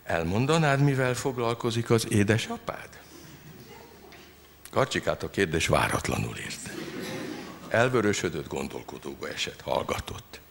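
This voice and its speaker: A man with a very deep, gravelly voice reads his own satirical story aloud at an event. His delivery is deadpan, yet his pitch swings widely from phrase to phrase. A faint hum of room ambience sits behind him.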